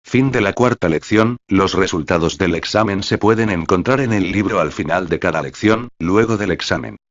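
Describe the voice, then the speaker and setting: A man announcing the end of a lesson and the next section, in a formal, steady manner. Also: low-pitched, normal speed. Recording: dull lo-fi audio.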